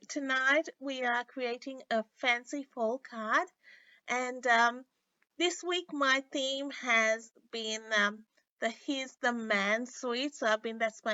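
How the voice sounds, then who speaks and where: A woman hosting a casual live craft tutorial, sounding nasal and a little sick, chatting in a halting way with many pauses. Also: high-pitched, bright, forceful tone, no echo. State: under the weather with a stuffy, sick-sounding voice. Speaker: host of a weekly craft livestream. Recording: dull, lo-fi livestream audio.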